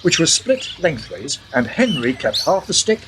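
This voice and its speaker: A slightly high, sing-song male voice plays the guide character in a radio play, taking a young woman patiently through how money works. His manner is knowing and lecturing, his pace moderate, with background noise audible.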